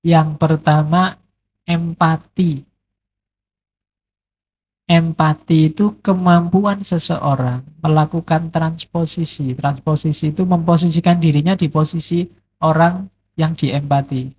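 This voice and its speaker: Middle-aged male lecturer, joking and conversational, breathy edge to the voice. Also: a little high, takes it slowly, pauses often. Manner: relaxed, joking, conversational teaching with playful examples. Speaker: philosophy lecturer. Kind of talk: casual philosophy lecture. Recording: dull lo-fi lecture recording.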